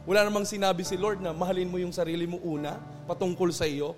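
A Filipino pastor speaks with earnest, preacher-like conviction, stretching words out when he wants them to land. His voice sits high for a man. A long reverb trails behind him, as if he were in a large hall. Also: level tone, soft background music. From Philippines. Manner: earnest, preacherly, slows down for emphasis. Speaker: pastor, interview guest.

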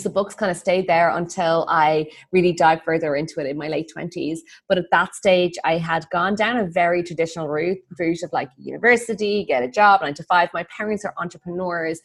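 A woman from the west coast of Ireland with an Irish accent, probably in her thirties, chatting as an interview guest, laughing often and full of "like" fillers. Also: fairly low pitch. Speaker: guest, feng shui practitioner. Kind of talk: casual interview storytelling.

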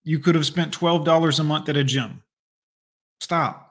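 A man's voice: fairly high pitch, moderate pace, fairly bright tone. A man giving profane reaction commentary, blunt, mocking and crude. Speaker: commentator reacting to a radio clip.

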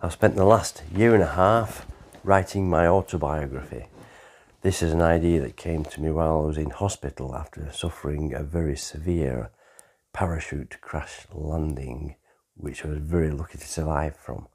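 A man in his sixties recounts his own life in a loose, unhurried way, stopping and restarting as he goes. His voice is deep and mellow, with a husky edge. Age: 60s. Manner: rambling, conversational, with frequent pauses and restarts. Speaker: memoir author telling his life story. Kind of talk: unscripted autobiographical storytelling.

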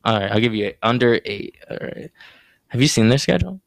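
A man's voice: medium pitch, expressive, fairly quick, gravelly, no room sound. A man hosting a casual sports podcast, joking and swearing freely in banter with friends. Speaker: podcast host.

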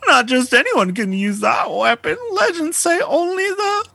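A man voicing an old male village elder who speaks in grand, drawn-out proclamations, as a game-style bit in a casual chat. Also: very high voice, lively intonation, creaky, pushed and bright, no room sound, soft background music, voice pushed up, heavily acted. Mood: grandiose.

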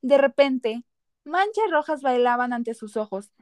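Woman doing scripted dramatic storytelling for a podcast, higher voice, no room sound. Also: animated, measured pace, a little mellow, dry recording, clean studio sound. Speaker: podcast narrator.

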